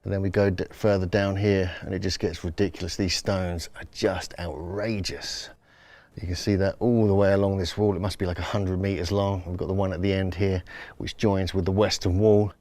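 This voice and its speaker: A man's voice: deep voice, level tone, moderate pace, a little mellow, no echo. A man recording handheld video as he walks through ancient temple ruins outdoors, describing the massive stones with enthusiasm. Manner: enthusiastic, marveling at size. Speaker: travel vlogger guiding viewers around ruins. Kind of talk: walking-tour commentary. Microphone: handheld camera without its stabilizer, filming himself.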